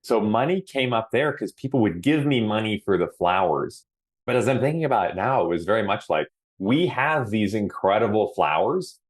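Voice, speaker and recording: At normal speed, this deep, low-voiced middle-aged Hawaiian man talks as a podcast guest in a casual interview. He's relaxed yet earnest and reflective, and he stretches out words for emphasis.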